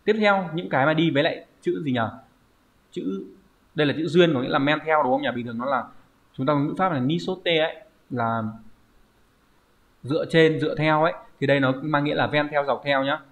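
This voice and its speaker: A man's voice: on the high side, fairly quick. A man teaching a Japanese vocabulary lesson online, explaining step by step and often checking with "right?". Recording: dull lo-fi recording.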